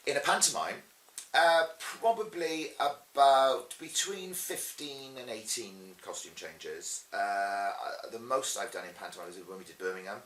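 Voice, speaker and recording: A middle-aged man from Swansea, Wales, is interviewed about his work as a pantomime dame and cabaret performer. With a lowish, unhurried Welsh voice, he tells stories in a lively, chatty way and acts out quotes. The room has a roomy echo with faint hiss.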